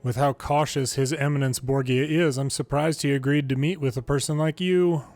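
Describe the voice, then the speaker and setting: In a dry recording with no echo, a man reads a game's story dialogue at a moderate pace with fairly even intonation. His mid-range voice has a darkish tone, and he adds casual asides like an amateur longplay narrator while video game music plays.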